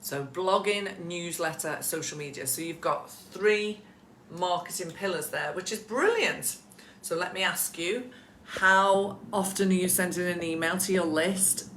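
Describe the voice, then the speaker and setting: A woman coaches business owners in a relaxed live session from her home, chatty and encouraging as she calls out viewers by name. Her voice is sharp and bright. The room gives it a noticeable echo, with a faint hum of background noise underneath. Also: lowish voice. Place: at home with pets nearby.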